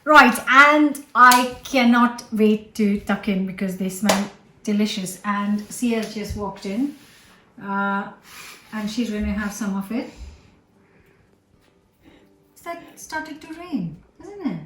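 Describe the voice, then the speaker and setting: A woman's voice: mid-range voice, takes it slowly, pauses often, sharp tone, a little hiss or hum. A woman hosting a home cooking video, chatting casually and gushing over the food in her kitchen. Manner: gushing, enthusiastic about food. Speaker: cooking show host. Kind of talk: casual cooking chat to camera.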